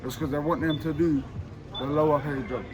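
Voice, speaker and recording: A man's voice: on the high side, fairly even intonation, a little fast, a crowd in the background. A man, a passer-by chatting on the street, tagging nearly every sentence with "yeah?" and "you get me?". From England. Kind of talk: street conversation. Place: outdoors on a busy street. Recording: loud traffic noise outdoors.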